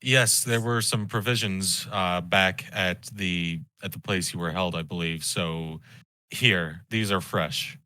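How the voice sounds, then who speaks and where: A man with a deep voice and a bright, forceful edge, playing his character at a tabletop game. He speaks calmly and reassuringly, in measured phrases, and the recording is close and dry. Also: no room sound. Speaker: player. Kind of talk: tabletop role-play in character.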